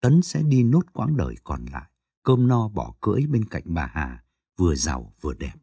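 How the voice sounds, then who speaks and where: A male storyteller reads an audiobook tale with a wide, swooping pitch. His voice is dark and slightly husky, recorded close and dry with no room sound. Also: sing-song, moderate pace, no room sound. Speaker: narrator.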